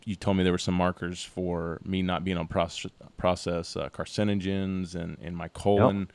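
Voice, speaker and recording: A man in his forties hosting an interview, curious and quick to laugh. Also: low-pitched, level tone, gravelly, a little mellow, no echo. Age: 40s. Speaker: host. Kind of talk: casual interview chat.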